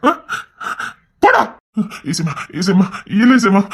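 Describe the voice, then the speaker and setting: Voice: mid-range voice, huge pitch swings, takes it slowly, breathy edge, full character voice. A voice actor doing a devoted pleading husband. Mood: pleading, scolding. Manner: pleading, swearing loyalty, scolding loudly. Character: devoted young husband, loud and protective. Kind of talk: Tamil romance audio drama.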